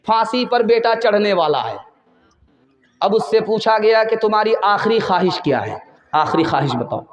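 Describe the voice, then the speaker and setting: An Islamic preacher with an Indian Urdu accent delivers a sermon built on parables, his voice pitched high for a man. He tells each story with emphasis and keeps pressing his listeners to pay attention. His words ring around an echoey hall. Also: very animated.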